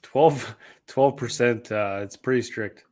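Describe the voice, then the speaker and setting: A man's voice: medium pitch, slow, a little mellow. A man co-hosting a live golf podcast, chatting casually with short, offhand remarks. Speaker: podcast co-host. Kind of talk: casual chat.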